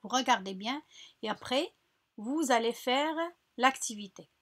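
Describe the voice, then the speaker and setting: Patient woman teacher, husky voice. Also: fairly high pitch. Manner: slow, patient, repeats and spells out syllables. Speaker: primary school teacher. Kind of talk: recorded lesson walkthrough.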